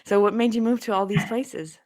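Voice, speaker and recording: A woman hosting a podcast, reading a measured introduction and asking questions clearly. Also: mid-range voice, fairly even intonation, darkish tone. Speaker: podcast host. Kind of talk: scripted intro and interview questions.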